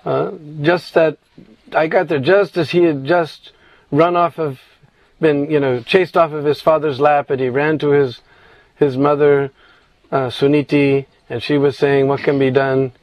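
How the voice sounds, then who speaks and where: A man's voice: on the high side, fairly even intonation, measured pace, darkish tone, no echo, low-quality recording. A man telling a scripture story in an informal sermon, meandering with restarts and frequent "you know".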